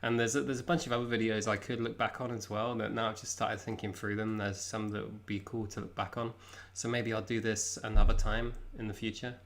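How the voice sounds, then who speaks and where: A man's voice: lowish voice, level tone, brisk, hardly any pauses, a bit bright. A young man with an English accent, hosting a casual live reaction, chatty and self-mocking. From England. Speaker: vlogger host.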